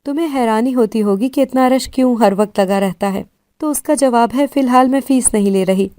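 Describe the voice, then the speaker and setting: A woman voicing a confident fifteen-year-old girl who runs a clinic, explaining herself calmly in a storybook reading. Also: a little high, no echo, natural voice. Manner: calm and self-assured, explaining.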